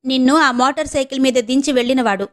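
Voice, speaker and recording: A woman's voice: high voice, fast talker, close to an everyday voice. A woman voicing a stern middle-aged mother who scolds sharply, in a storybook reading. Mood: angry. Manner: sharp and rebuking.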